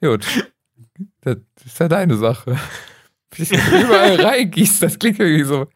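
A man's voice: a little high, very animated, unhurried, breathy edge, dry recording, studio quality. A young man co-hosting a casual podcast chat, joking sarcastically and laughing often. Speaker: podcast co-host.

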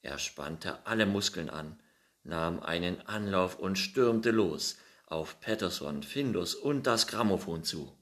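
A man reading a children's story aloud, with a lively, animated manner. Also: deep voice, takes it slowly. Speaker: narrator.

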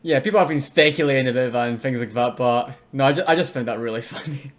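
A man co-hosting a podcast, talking in a relaxed, chatty and amused way. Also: mid-range voice, fast talker. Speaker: podcast co-host. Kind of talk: casual podcast chat.

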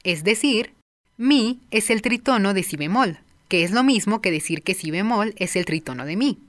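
A woman presenting a music appreciation lesson, explaining film music clearly and addressing her viewers directly. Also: medium pitch, lively intonation, normal speed. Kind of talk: scripted educational narration.

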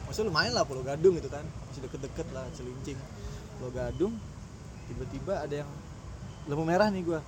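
A young man with a Jakarta accent tells a slangy street story in casual conversation, animatedly acting out the exchanges he quotes. His voice is on the high side and fast, and the recording is very noisy.

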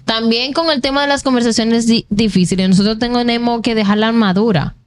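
A woman's voice: fairly high pitch, steady tone, a little fast. Earnest woman reflecting in casual chat. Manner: earnest, reflective, addresses listeners directly. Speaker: podcast co-host.

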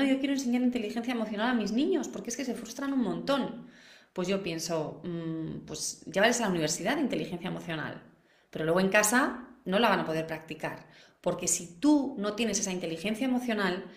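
A woman's voice: medium pitch, echoey room. A woman leading a live class for parents, talking practically and posing questions to the viewers. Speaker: parenting educator.

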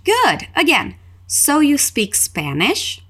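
With a high, bright, forceful voice, huge pitch swings, and drawn-out words, a Brazilian-accented podcast host delivers a scripted language lesson. She runs repeat-after-me drills, instructing carefully and enunciating each example phrase for repetition.

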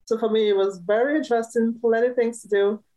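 A woman's voice: on the high side, fairly even intonation, fast talker, warm tone, poor audio. Cheerful woman from Cameroon. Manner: cheerful, laughs often. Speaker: musician guest. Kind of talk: casual interview chat.

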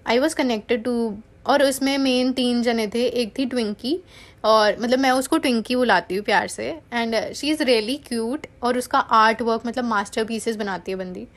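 A woman's voice: fairly high pitch, unhurried. A young woman telling stories about her college days in a chatty, casual vlog, switching freely between English and Hindi. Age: young adult. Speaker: college student vlogger.

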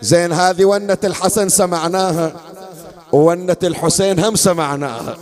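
High-voiced man chanting a mourning lament. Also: darkish tone. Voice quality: alternates sung lament with quick spoken asides. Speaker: eulogy reciter at a mourning gathering. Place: mourning hall.

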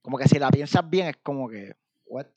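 A man's voice: mid-range voice, animated, fairly quick, dark tone, slightly rough, dry recording, highs cut off. A man with a Puerto Rican accent, co-hosting a podcast in casual, profane banter full of laughter. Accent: Puerto Rican Spanish. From Puerto Rico. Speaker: podcast co-host. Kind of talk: casual chat.

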